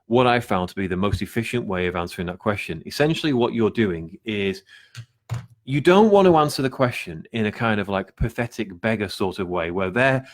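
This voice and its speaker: A middle-aged male sales coach talks straight to camera in a slightly low voice. He is candid and conversational, lays out his points plainly, and lets the odd swear slip out. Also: animated, brisk. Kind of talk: direct-to-camera business advice video.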